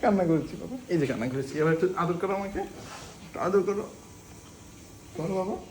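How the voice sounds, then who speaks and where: A man's voice: animated, quick pace, darkish tone. Playful young father coaxing his toddler. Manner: tender, coaxing, mock-pleading in a playful high voice. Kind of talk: playful baby talk with a toddler. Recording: roomy echo with faint room noise.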